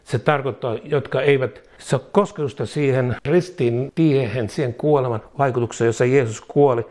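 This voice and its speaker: A man's voice: medium pitch, a little mellow. A man preaching a sermon who teaches conversationally and leads the congregation in a repeated declaration prayer. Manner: conversational teaching with occasional laughs.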